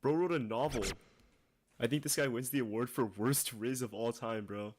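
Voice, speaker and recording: A man's voice: medium pitch, normal speed, darkish tone. A young man giving casual online commentary in a slangy, incredulous way.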